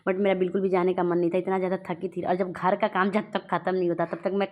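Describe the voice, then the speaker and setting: A woman's voice: fairly low pitch, level tone, fast talker, highs cut off. A young woman, a mother, chatting casually to viewers in a home vlog, rambling and speaking straight to her audience. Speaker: vlogger and mother. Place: at home indoors.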